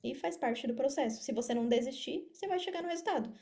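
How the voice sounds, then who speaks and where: Her voice is high-pitched, quick and mellow as this Brazilian affiliate marketer answers interview questions on a podcast via remote video call. She keeps things casual and motivational, stressing her points and encouraging listeners.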